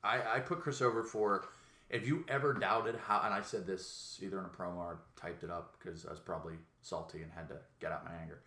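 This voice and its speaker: A man's voice: deep voice, fairly even intonation, fairly quick, bright, forceful tone, echoey room. A man hosting a podcast in casual chat, telling rambling, profane stories with quoted voices. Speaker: podcast host.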